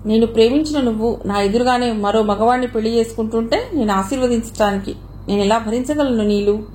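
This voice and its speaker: A woman's voice: on the high side, fairly quick, a little mellow, slight background noise, lightly acted, low-quality recording. A woman reading the part of a heartbroken young man who pleads and reproaches in an audio novel. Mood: anguished.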